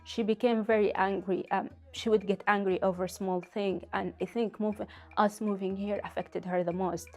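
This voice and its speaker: A woman, giving a halting, reflective personal testimony. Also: mid-range voice, steady tone, soft background music. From Sudan. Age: 30s. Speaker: interviewee telling her story.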